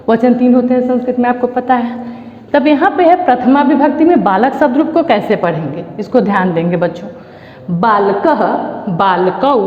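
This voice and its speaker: A woman from Bihar with an Indian accent teaching a Sanskrit class online, reciting word forms in slow, deliberate drills. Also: on the high side. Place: classroom or school room. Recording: echoey room, dull lo-fi sound.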